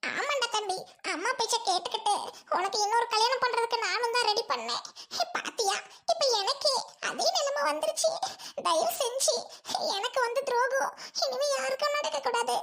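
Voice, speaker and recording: A woman's voice: extremely high pitch, normal speed, fairly bright tone. A woman playing a childless young wife in a family drama skit, pleading and tearful. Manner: pleading, repeats "aunty" (mother-in-law) again and again.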